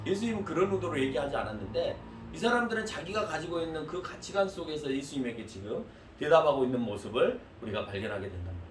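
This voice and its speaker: Animated pastor in an echoey church. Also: male voice, a little high, quick pace, few pauses, a little hiss or hum. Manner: animated, addresses the congregation directly with questions. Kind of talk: sermon. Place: church hall. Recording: echoey hall, mic at a distance.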